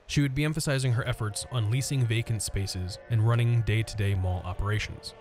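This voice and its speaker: A man narrating the history of an abandoned mall as a scripted voice-over, measured and informative. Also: on the low side, darkish tone. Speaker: urban exploration vlogger narrating history.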